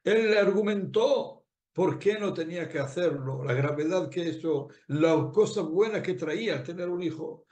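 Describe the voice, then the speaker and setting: A man, a rabbi, telling a moral story in a sermon, animated, with repeated phrases and rhetorical questions put to his listeners. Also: on the high side, moderate pace, hardly any pauses, roomy sound.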